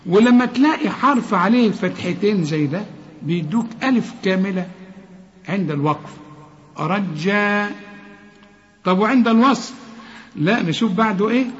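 Egyptian man, recitation teacher, high voice, dull lo-fi recording with long reverb. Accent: Egyptian Arabic. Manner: corrects pronunciation, repeats sounds slowly, chants verses. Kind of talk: tajweed lesson with recited examples.

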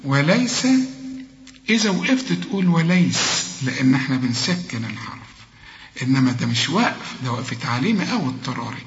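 A man with an Egyptian accent teaching Quran recitation rules, saying each word slowly and then explaining and correcting. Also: mid-range voice, sing-song, fairly bright tone, a little hiss or hum. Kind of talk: tajweed lesson. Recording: echoey room with long reverb, dull lo-fi sound.

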